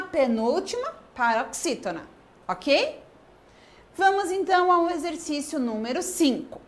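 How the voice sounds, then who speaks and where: A woman teacher from Brazil giving an online grammar lesson, dictating words slowly and asking the class questions. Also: sits high, a bit bright. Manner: slow, drawn-out word-by-word dictation.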